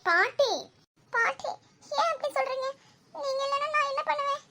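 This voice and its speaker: A woman voicing a small granddaughter in a cartoon drama, pleading in a high, wavering voice. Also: fairly even intonation, normal speed, background noise. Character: small tearful granddaughter, girl of about eight.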